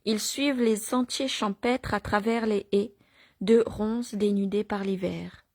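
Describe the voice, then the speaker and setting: A woman reads a nativity story aloud at a measured, unhurried pace, pausing now and then and restarting a phrase. Her voice sits in a middle pitch. The recording is close and dry. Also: fairly even intonation, a little mellow, no room sound. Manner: measured, with pauses and small restarts. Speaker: reader. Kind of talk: reading aloud a religious nativity text with brief comments.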